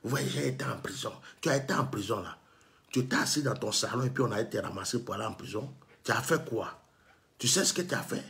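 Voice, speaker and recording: Speaking fast in a lowish, slightly bright voice with vocal fry, a man from Côte d'Ivoire tells a story in an Ivorian French accent. He launches into an impassioned, scolding monologue, acting out snippets of dialogue.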